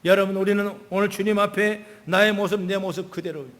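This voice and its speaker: An older man, a pastor, preaching a sermon with swings between loud emphatic calls and soft low asides. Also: steady tone, fairly quick. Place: church sanctuary. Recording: long hall reverb.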